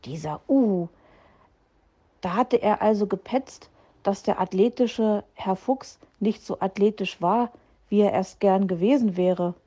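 Mellow-voiced woman reading a children's story. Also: medium pitch, measured pace, highs cut off.

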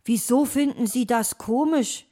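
Timid lovesick young fellow, read by a woman: slow, hesitant, soft-spoken storybook suitor. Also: fairly high pitch, voice pushed up.

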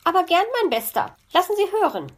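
A woman doing an excitable high magpie lady. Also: slow, heavily acted. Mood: excited. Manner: gushing, bright and eager. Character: excitable chattering female magpie. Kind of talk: children's audiobook.

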